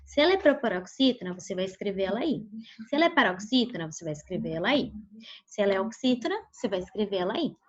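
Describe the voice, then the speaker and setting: A woman teaching a primary school class online with a Brazilian Portuguese accent. She speaks patiently, checks in with the class often, and stretches out syllables slowly when modeling words. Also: medium pitch, expressive. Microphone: video call. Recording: dull lo-fi video call audio.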